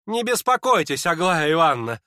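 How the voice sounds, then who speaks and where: A man reading an audiobook and voicing a dying young man who speaks quietly and hoarsely, short of breath, calm and ironic. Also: high voice, brisk, dry recording, studio quality, voice pushed up, full character voice. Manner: quiet, hoarse, near-whispering.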